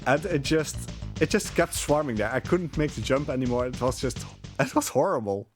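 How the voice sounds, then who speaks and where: A man provides casual live commentary on his own speedrun, hesitant and rambling while he plays. His mid-range voice is expressive and moves at a normal speed, with game music in the background.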